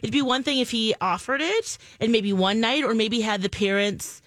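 A woman co-hosting a radio call-in show, speaking in a thoughtful, gentle, casual way. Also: on the high side, moderate pace, no echo. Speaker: radio co-host.

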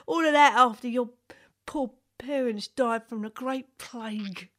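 A woman's voice: a little high, measured pace, fairly bright tone. A woman playing a harsh foster mother who scolds in a theatrical way. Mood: furious.

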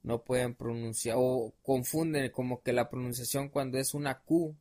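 A young man with a Mexican accent tells stories loosely, full of slang and hesitations. His pitch sits in an ordinary middle range, and he drifts from one detail to the next in a relaxed podcast chat. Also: moderate pace. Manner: rambling, slangy, many fillers. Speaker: podcast guest. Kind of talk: casual storytelling chat.

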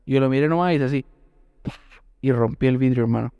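A Chilean man talks quickly and animatedly, full of slang and cheerful self-mockery. His voice is clear and smooth, recorded dry and close with no room sound. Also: mid-range voice, no echo, muffled recording. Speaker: podcast co-host. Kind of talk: casual storytelling chat.

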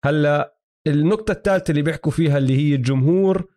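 Fast-talking man with a Palestinian-Jordanian Levantine accent. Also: on the high side, mellow. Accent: Palestinian-Jordanian Levantine Arabic. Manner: explanatory, checks listener follows, mixes in English basketball terms. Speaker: basketball podcast co-host. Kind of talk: casual sports analysis chat.

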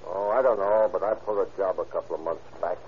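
A man's voice: deep voice, fairly even intonation, fast talker, natural voice. An actor playing a weary, sullen hobo crook with slangy tough-guy talk in a 1930s radio drama. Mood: weary, bitter. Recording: muffled, noisy 1930s radio recording.

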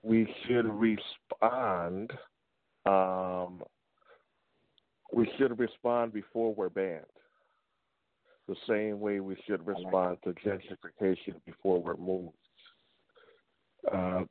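A deep-voiced man heard over the phone, his voice thin, tinny and dry. He speaks as a caller on a talk show, laying out his view deliberately and repeating key points to drive them home. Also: no room sound. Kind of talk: call-in opinion on a talk show.

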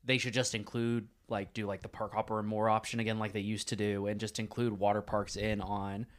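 A man's voice: fairly low pitch, little pitch movement. A man in his twenties co-hosting a podcast, chatting casually and agreeing often in a room at home. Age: 20s. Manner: friendly, chatty, quick to agree. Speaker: podcast co-host. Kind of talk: casual chat. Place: room in a house.

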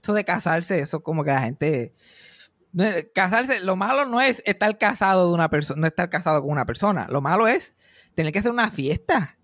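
A man's voice: sits high, expressive, fairly quick, a bit bright, no echo, clean studio sound. A man in his thirties with a Puerto Rican accent, chatting and joking animatedly, mixing in English words. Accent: Puerto Rican Spanish. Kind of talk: casual comedic chat.

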